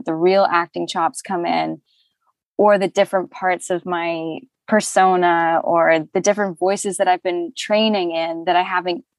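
A young woman, a voice actor, talking casually in an interview, chatty and animated with lots of fillers and laughter. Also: on the low side, no room sound.

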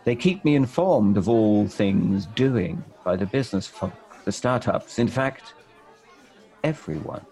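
A man voicing a mysterious one-eyed old man in a pub, speaking slowly and confidingly. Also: on the low side, expressive, dark tone, a faint crowd.

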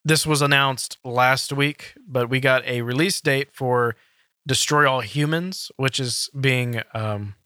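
A man hosting a casual gaming podcast, talking in a halting way with many "um" fillers. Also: mid-range voice, sharp tone, clean tone, no echo. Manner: filler-heavy, halting delivery with frequent "um". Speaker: podcast host.

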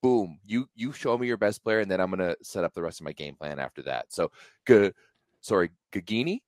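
A young man co-hosting a sports podcast, talking in a casual, animated way with many fillers and restarts. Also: low-pitched, brisk, no room sound, clean studio sound. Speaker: podcast co-host.

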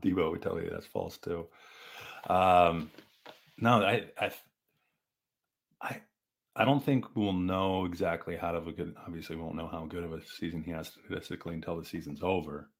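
A man co-hosting a podcast, chatting casually about sports with lively restarts. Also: sits low. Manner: animated, fast back-and-forth with restarts. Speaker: podcast co-host.

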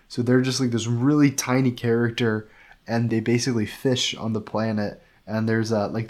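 A man co-hosting a gaming podcast, chatting casually and excitedly, rambling with lots of filler words. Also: medium pitch. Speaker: podcast co-host. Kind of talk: casual game review chat.

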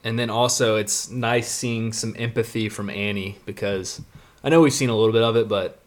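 A man with a blocked, stuffy nose chats on a podcast, often starting and restarting his thoughts. His voice sits lower than most men's. He sounds casual and unsure as he works his ideas out. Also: fairly even intonation, moderate pace. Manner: hesitant, thinking aloud. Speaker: podcast co-host. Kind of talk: casual recap chat.

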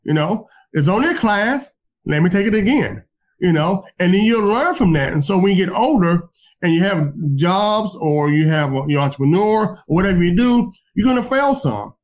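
Hosting an interview, a man gives encouraging, lecture-style motivational advice in a high-pitched, animated voice at normal speed.

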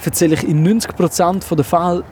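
A man with a Swiss German accent hosting a casual podcast chat on a walk, talking quickly and acting out little quotes. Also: high voice, a little hiss or hum. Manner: quick, lively, acts out quotes. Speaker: podcast host. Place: outdoors on a walk in town.

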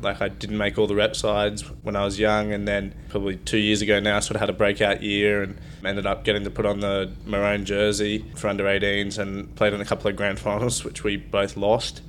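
A man's voice: on the low side, monotone, fairly quick, hardly any pauses, a bit bright, slight background noise. A nineteen-year-old man with a Queensland Australian accent, chatting plainly in a podcast interview as a rugby league player. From Brisbane, Queensland, Australia.

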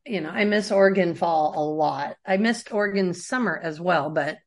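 A woman in her thirties co-hosts a relaxed podcast in a somewhat low voice. She talks casually with plenty of ums and likes, and she keeps breaking into laughter. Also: moderate pace. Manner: laughs often, chatty with fillers. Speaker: podcast co-host. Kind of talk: casual chat.

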